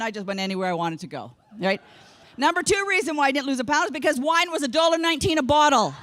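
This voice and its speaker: Her voice is high with a fairly bright tone. She's a Canadian woman in her fifties giving a funny keynote talk at a conference hall, self-mocking and impersonating herself and her family as she quotes them.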